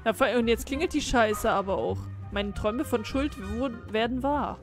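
A woman's voice: a little high, normal speed, over music, natural voice. A woman voicing a tired, guilt-ridden young man in a game, reading in her own voice. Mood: weary.

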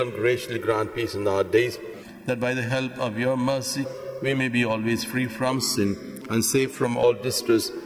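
A long, cathedral-like reverb carries the voice of a man in his sixties at a middle pitch. He is a priest reciting liturgical prayers. His phrasing is solemn, formal and measured. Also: noisy background. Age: 60s. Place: indoor church altar. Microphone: gooseneck microphone at the altar. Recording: long reverberant church echo.

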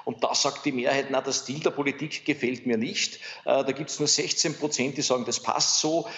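A man, a pollster invited as studio guest, explaining survey results in a halting way full of fillers and restarts. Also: medium pitch, fairly even intonation, a bit bright. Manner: hesitant, many fillers and restarts. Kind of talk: studio interview analysis.

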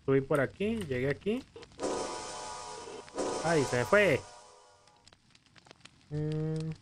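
A gaming YouTuber casually comments as he plays a video game in a let's play, thinking aloud and using lots of diminutives. His voice is on the high side with lively intonation, spoken extremely slowly, with game music in the background.

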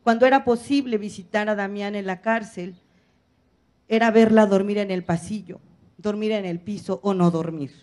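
A middle-aged woman speaks from a podium in a large hall. She reads her speech solemnly and stacks short phrases into steady, rhythmic lists. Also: mid-range voice, normal speed. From Mexico. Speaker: activist speaker at a public apology event. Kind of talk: formal speech read from notes. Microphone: podium microphone on a stand, filmed from afar.

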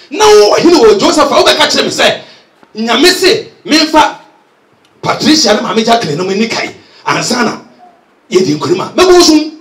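A middle-aged man, preaching a sermon in Twi and English on a handheld mic, energetic and often shouting. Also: very high voice. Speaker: head pastor. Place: church hall with carpeted floor. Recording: echoey hall recorded from a distance.

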